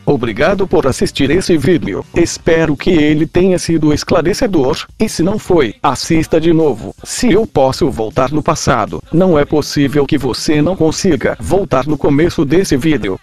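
Mad scientist with a robot voice, a man playing him, somewhat high-pitched, deadpan lecturer, light music underneath. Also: normal speed, few pauses. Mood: lecturing. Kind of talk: comedic scripted explainer.

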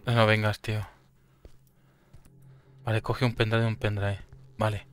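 A man from Spain with a Murcian accent, commenting on a game he is playing, breaking into loud surprised swearing and laughter. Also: fairly low pitch, level tone, measured pace. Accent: Murcian Spanish. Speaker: gaming streamer. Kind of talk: gameplay commentary.

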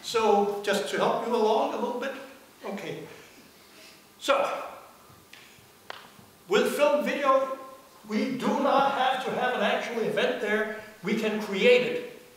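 Rambling high-voiced male lecturer, echoey hall. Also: slow, long pauses, distant mic, slight background noise. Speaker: university lecturer. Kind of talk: live lecture to an audience. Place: large lecture theatre.

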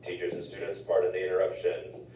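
A man making a polite, formal announcement over a school intercom, heard from the loudspeaker in a classroom. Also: deep voice, completely flat delivery, fast, narrow, tinny audio, slight background noise. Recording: distant, roomy loudspeaker sound in a classroom.

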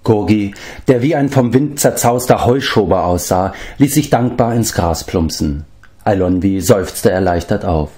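A man narrating a fantasy novel chapter as an audiobook in an expressive, measured storytelling voice. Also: fairly low pitch.

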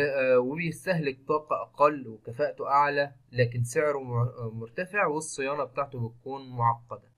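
A man with an Egyptian Arabic accent and a mid-range, fairly bright voice delivers a screen-recorded engineering lecture over slides. He walks through the material step by step, mixing in English technical terms.

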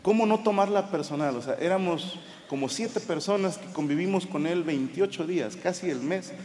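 A man's voice: high voice, moderate pace. A Mexican man with a Mexican Spanish accent telling crude, swear-filled stand-up stories on stage before a laughing audience. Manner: crude, swearing, animated storytelling. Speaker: stand-up comedian. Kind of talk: stand-up comedy set. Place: large theater stage. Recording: live show in a big reverberant hall.

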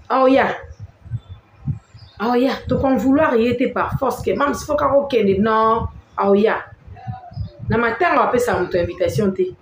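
Woman, emphatic vlog commentator with repeated phrases; echoey room, faint hiss. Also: mid-range voice. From Congo-Kinshasa. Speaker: online celebrity-gossip commentator. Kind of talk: animated commentary vlog, mixing languages.

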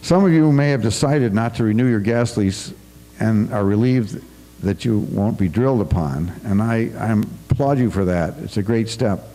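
A lowish, mellow voice at normal speed belongs to an older American man reading a prepared talk at a farm forum in a school auditorium. He reads from paper, occasionally stumbling and restarting and tossing in asides. He uses a podium mic on a stand, and the recording carries the auditorium's reverberation.

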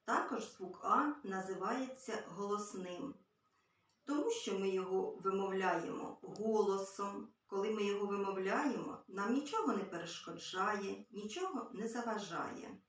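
A woman teaching a literacy lesson to small children, gently and patiently. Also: medium pitch, moderate pace. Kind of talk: early-years literacy lesson. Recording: very echoey room, far from mic.

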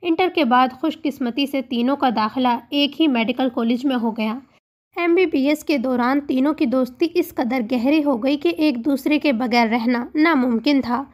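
A woman narrating a romantic audiobook novel in a steady reading voice. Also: high voice, moderate pace. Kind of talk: scripted storybook narration.

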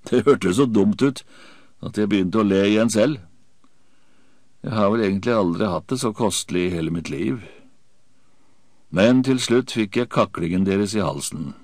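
Deep-voiced male audiobook narrator. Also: a little mellow, no room sound, studio quality. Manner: vivid, dramatic reading. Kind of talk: first-person audiobook narration.

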